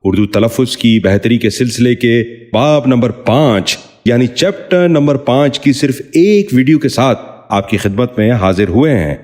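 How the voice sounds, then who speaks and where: A man with a Pakistani Urdu accent presenting a scripted pronunciation lesson, sounding out single words slowly and deliberately. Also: medium pitch, a little mellow. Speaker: pronunciation teacher.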